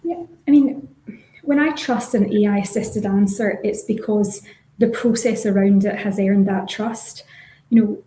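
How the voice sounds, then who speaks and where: A woman's voice: medium pitch, fairly even intonation, unhurried, dark tone, slight background noise. A woman speaking as a legal professional on a panel, explaining her approach. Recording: echoey room sound.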